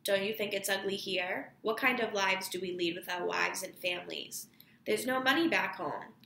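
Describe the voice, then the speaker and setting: A woman's voice: mid-range voice, normal speed, vocal fry, sharp tone, reverberant. A woman reading aloud the lines of a troubled young boy who speaks earnestly.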